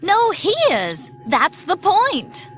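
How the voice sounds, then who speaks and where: Very high-pitched, decisive princess. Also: female voice, wildly swooping pitch, slow pace, fairly bright tone, faint music behind, exaggerated voice. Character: decisive, quick-thinking young rebel princess. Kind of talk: 1990s audio drama acting.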